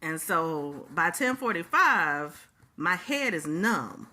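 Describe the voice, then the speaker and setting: A woman telling a storytime to her viewers in a lower, bright-edged voice with some bite. She is casual and emphatic, hammering key phrases twice and talking right at her audience. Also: big pitch swings, slow. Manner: talks straight to the audience. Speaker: storytime vlogger.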